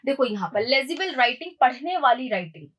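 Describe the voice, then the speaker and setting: A woman's voice: sits high, sing-song, fairly quick, a bit bright, rough recording. A woman teaching an exam-prep lesson online, going through quiz questions step by step and checking in with her students. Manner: explains step by step, checks in with "ठीक है".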